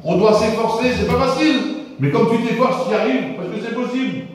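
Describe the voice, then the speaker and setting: In a church hall, a Frenchman with an extremely high, brisk voice preaches an informal sermon to his congregation. He is colloquial and repetitive, often asking the room "vous comprenez" to check they follow. The echoey recording was captured from far off.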